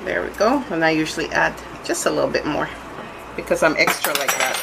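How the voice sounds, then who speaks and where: In a casual cooking demonstration shot overhead at her kitchen counter, a woman with a low voice, vocal fry and a slightly fast pace chats through every step of her home baking recipe, often restarting. A loud hand mixer runs in the recording.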